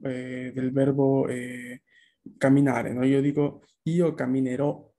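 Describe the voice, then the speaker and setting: Patient male teacher with a dark voice. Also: medium pitch. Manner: patient, explanatory, frequent tag questions. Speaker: language teacher. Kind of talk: online class explanation. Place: online video class.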